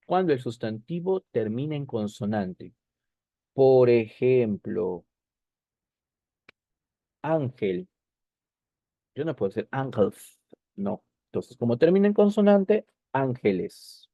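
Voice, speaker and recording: A man's voice: mid-range voice, expressive, takes it slowly, pauses often, no echo. A male teacher explaining grammar rules, often checking whether the class follows and correcting himself, on a dull lo-fi recording. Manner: explanatory, with frequent checking questions and self-corrections. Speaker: language teacher.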